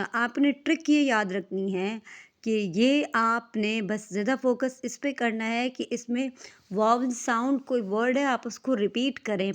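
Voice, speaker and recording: A woman from Pakistan teaching a class, patiently repeating words and counting aloud. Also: a little high. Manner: patient, repeats and counts aloud, reads English lines slowly. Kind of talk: classroom lesson explanation.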